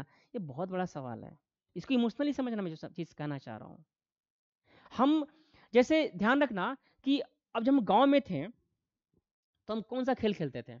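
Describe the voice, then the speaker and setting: A man with a very high voice teaches a classroom lecture, asking his students questions and answering them himself. He is animated and acts out quoted voices. The audio has no room sound and its highs are cut off.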